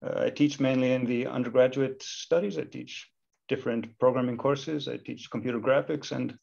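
An Icelandic man in his thirties, a university lecturer who chairs an equality committee, speaks thoughtfully on a video-call panel, restarting often. His mid-range voice is fairly even and slightly mellow, at normal speed with vocal fry. The call audio sounds a bit dull.

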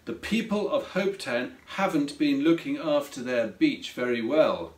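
A man reading a storybook aloud and voicing a bold, fast young male crab who sounds brisk, upbeat and bossy. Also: mid-range voice, lively intonation, lightly acted. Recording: roomy echo from a distance.

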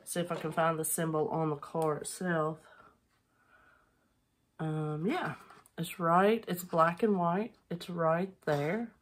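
A woman's voice: low-pitched, steady tone, slow pace, pauses often, slight background noise. A middle-aged woman chatting casually at home on a camera mic, rambling with lots of filler ums as she shows items she has sold. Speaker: online reseller vlogger.

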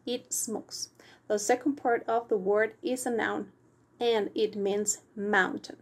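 Slow, patient woman teaching. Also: mid-range voice, steady tone. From Mexico. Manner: slow, patient, asks the viewer questions. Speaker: language teacher. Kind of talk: pronunciation lesson to camera.

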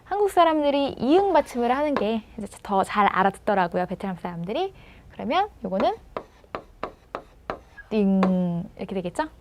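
A woman teaching pronunciation in a video lesson, patiently prompting and sounding words out slowly. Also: fairly high pitch, big pitch swings, a little mellow, slight background noise. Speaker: language teacher.

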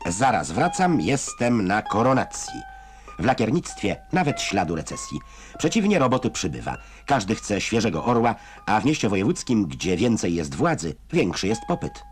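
Low-voiced, wry old newsreel narrator, male. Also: wildly swooping pitch, moderate pace. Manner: wry, ironic delivery of scripted commentary. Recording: music bed behind narration. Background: music.

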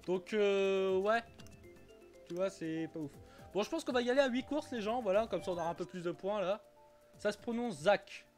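A man's voice: high-pitched, moderate pace, faint music behind. A man streaming a kart racing game live, chatting casually with viewers, often stumbling and repeating himself and swearing now and then.

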